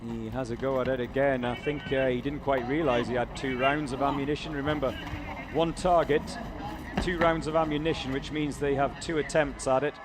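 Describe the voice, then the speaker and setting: A man's voice: mid-range voice, steady tone, fairly quick. A man commentating live at an outdoor competition, chatty and self-correcting, and talking straight to the viewers watching online. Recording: crowd noise behind.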